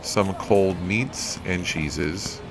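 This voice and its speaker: A man's voice: low-pitched, very slow. A man narrating a food review vlog as a voice-over in a plain-spoken, itemizing way. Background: music.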